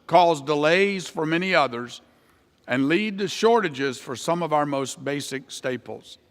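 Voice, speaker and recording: A slightly high, bright voice belongs to an American congressman from Ohio giving a prepared political floor speech. He speaks formally in the large House chamber, where the sound reverberates.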